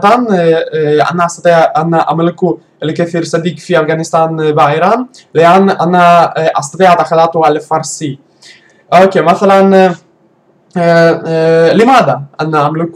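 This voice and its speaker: A man with a slightly high voice speaks in beginner's Arabic for a vlog. He hesitates often, fills gaps with long "ah" sounds and restarts his sentences while hunting for words. His delivery is casual and unpolished. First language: not Arabic. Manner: hesitant, many fillers and restarts, searching for words. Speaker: language learner vlogger. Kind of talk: halting casual talk in a learner's Arabic.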